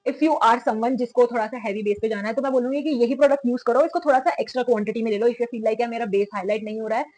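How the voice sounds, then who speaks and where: A young woman with an Indian accent talks through a makeup tutorial, mixing Hindi and English freely. Her voice is a little high and a little mellow, her speech rapid-fire, and the recording is rough.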